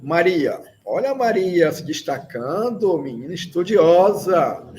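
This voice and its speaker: A man leads a lesson in a slow, patient way, often pausing to check that his students follow. His voice sits a little high yet sounds mellow, and it rises and falls a lot as he stresses each point. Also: big pitch swings, a little hiss or hum. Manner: repeats phrases slowly for learners. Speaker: Esperanto teacher. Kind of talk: language lesson, explaining grammar.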